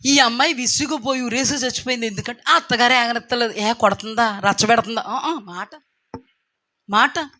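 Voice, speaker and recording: A woman preaching a sermon, emphatic, swinging between loud exclaims and quiet asides. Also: on the high side, moderate pace.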